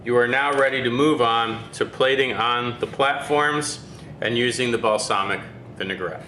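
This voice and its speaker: A man's voice: mid-range voice, moderate pace, sharp tone, reverberant, slight background noise. A man working as a chef, giving a step-by-step cooking demonstration and checking in with "okay?".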